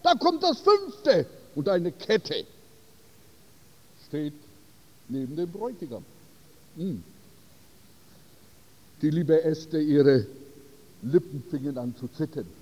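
A man telling a story in a sermon, halting and searching for words in German. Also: fairly high pitch, big pitch swings, long reverb tail.

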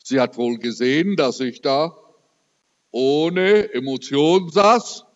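A man's voice: a little high, takes it slowly. An older man preaching a sermon, telling a personal story with emotional, dramatic swings. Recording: reverberant hall, dull lo-fi sound.

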